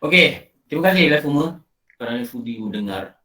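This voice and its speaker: A man's voice: mid-range voice, fast talker. A man with a Malaysian Malay accent preaches in an online lecture, bringing his points to life by acting out scenes. His voice sits in a middle register. He is recorded a little away from the mic in an echoey room. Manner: animated storytelling, acting out film scenes. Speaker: religious teacher. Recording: roomy and distant from the mic.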